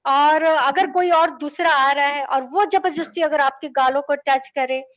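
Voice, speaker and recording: Brief: young female teacher, bright high register, patient coaxing lesson for small kids. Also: a little slow. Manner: coaxing, asks "ठीक है?" after nearly every line. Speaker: children's teacher. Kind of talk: lesson for children.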